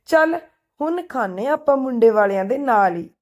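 A woman's voice: fairly high pitch, normal speed, lightly acted. A woman voicing a cheeky, joking best friend. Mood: playful. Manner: playful, joking and lively.

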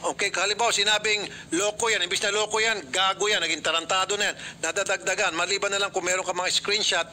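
Bright-voiced man mediating, firm and lecturing. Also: high voice, fairly even intonation, fast talker, hardly any pauses, a little hiss or hum. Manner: firm, lecturing, interrupts often. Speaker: host mediating a complaint. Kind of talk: public affairs radio mediation.

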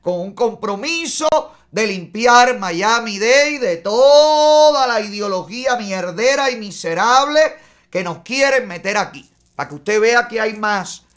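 He's a middle-aged Cuban man hosting a show from a compact studio with a bright backdrop, his Cuban Spanish accent carrying indignant political remarks while his hands move constantly. The voice is high and animated, fairly bright, and paced in a measured way.

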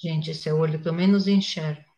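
A woman's voice: sits low, steady tone, fast, mellow, lo-fi sound. A mature woman giving a live makeup tutorial, chatty, constantly checking in with her viewers. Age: older. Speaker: makeup instructor. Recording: echoey room.

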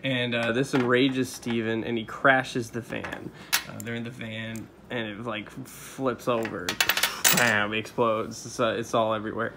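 A man's voice: medium pitch, flat delivery, unhurried, vocal fry, very noisy. A young man casually recapping a show episode in a rambling, profane way, full of ums and uhs.

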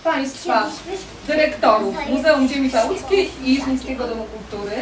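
A woman librarian welcoming guests and children to a reading event, with cheerful, drawn-out announcing. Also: high-pitched, expressive. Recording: echoey hall, distant mic, crowd noise.

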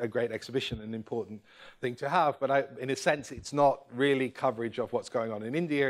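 An older man giving a keynote lecture at a lectern in a hall, speaking haltingly with many fillers and restarts. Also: mid-range voice. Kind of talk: academic lecture. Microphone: lectern microphone.

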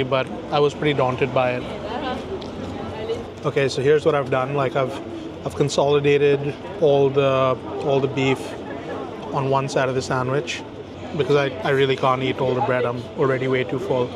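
A food vlogger in his thirties from India reviews sandwiches to camera on an outdoor café terrace, chatty and relaxed as he tastes and reacts aloud. His voice is medium-pitched at a normal speed, with a crowd audible behind him. It's captured on a camera-mounted shotgun mic.

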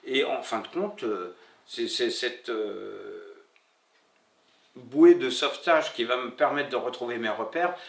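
Here a middle-aged man from Morocco, who works as a bookseller and came to French late after moving to France, recounts his past thoughtfully, stumbling, repeating and pausing often. His voice is medium in pitch with some vocal fry. He sits in an indoor room against a bare wall, recorded with a slightly distant mic and roomy echo.

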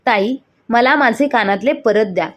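A woman's voice: fairly high pitch, normal speed, lightly acted. A woman doing a firm young daughter-in-law. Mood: firm, hurt. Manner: firm, defiant refusal.

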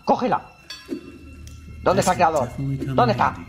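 Jumpy Spain-accented gamer, lively swings. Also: mid-range voice, a little slow. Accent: Spain Spanish. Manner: jumpy, exclaiming, nervous chatter to viewers. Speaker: gaming YouTuber. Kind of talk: horror game let's play commentary. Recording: dull lo-fi audio with faint game music.

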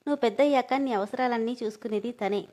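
A woman's voice: on the high side, fast talker, a little mellow, lightly acted. A woman voicing an affectionate middle-aged father who coaxes and corrects his children firmly. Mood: coaxing. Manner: firm, coaxing.

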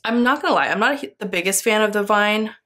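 A young woman chatting casually as a planner vlogger, gushing excitably over stickers with bursts of laughter. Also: medium pitch, fast talker. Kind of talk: casual sticker haul chat.

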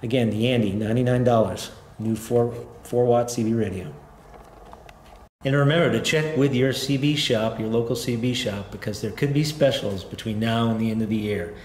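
A middle-aged man with a medium-pitched, slightly mellow voice informally shows a product step by step for his company, speaking at a moderate pace. Seated at a tabletop indoors, he talks plainly without a script, captured with roomy echo and faint background noise.

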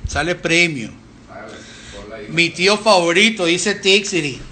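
High-voiced chatty man. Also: slow pace, bright, forceful tone. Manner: rambling, chatty, with restarts and fillers. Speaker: band frontman hosting a live stream. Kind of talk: casual live-stream chat.

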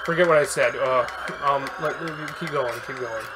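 A gaming video host giving casual play-by-play commentary, yelling and swearing at the game, then chatting to viewers in a friendly, rambling way. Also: medium pitch, normal speed, noisy background. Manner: excitable, yells and swears at the game.

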